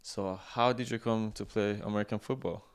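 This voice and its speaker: A man's voice: on the low side, fairly even intonation, moderate pace, clean tone. A man hosting a podcast, asking questions in an easygoing casual interview and laughing along with his guest. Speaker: podcast host.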